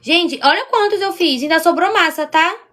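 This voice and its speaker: Very high-voiced, with lively intonation, a sharp tone and a moderate pace, this woman runs a live-streamed baking demo. She's a baking instructor from Rio de Janeiro, Brazil, speaking Carioca Portuguese, and she chats away with viewers, regularly checking in with them as she works.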